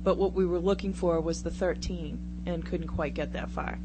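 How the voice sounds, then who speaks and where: A woman with a fairly low, steady voice at a moderate pace rambles casually on a radio talk show, self-deprecating throughout; she's from Brockton, Massachusetts, United States. Hum and lots of noise mark the radio recording.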